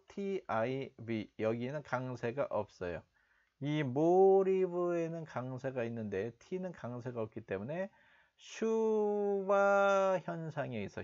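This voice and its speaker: A man teaching English listening, slowly repeating and breaking down phrases as he explains them. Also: medium pitch, a little mellow, lo-fi sound. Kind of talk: explanatory language lesson.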